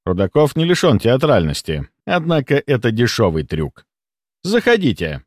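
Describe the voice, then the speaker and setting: A man reading an audiobook as narrator in an even, measured way. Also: medium pitch, no echo, studio quality. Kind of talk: scripted narration.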